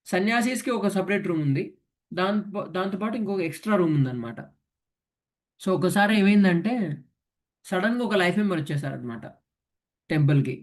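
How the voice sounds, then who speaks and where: A man teaching a devotional class, telling a story in a lively way and mixing English words into his talk. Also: high voice, moderate pace, long pauses.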